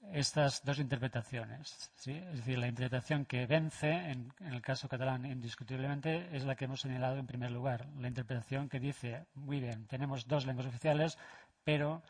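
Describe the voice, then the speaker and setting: Male lecturer, mid pitch, measured delivery with many pauses and filler sounds. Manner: measured, with frequent hesitations. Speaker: lecturer presenting a paper. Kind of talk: academic presentation.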